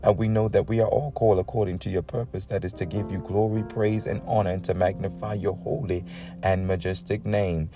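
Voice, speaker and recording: Over background music, a man from the Bahamas leads morning prayer with earnest, extemporaneous devotion, exhorting listeners and repeating invocations, with frequent amens. His voice is fairly low, steady in tone, and brisk.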